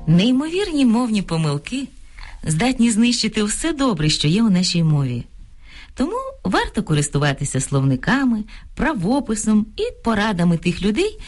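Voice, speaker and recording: A woman presenting a radio language segment, reading scripted advice in a clear, instructive way. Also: medium pitch, big pitch swings, normal speed, darkish tone.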